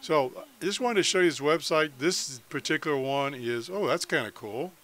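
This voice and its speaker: Speaking at a normal speed, this American man has a fairly high, fairly bright voice. He's an amateur radio enthusiast casually demonstrating a website over screen-share, working it out aloud without a script.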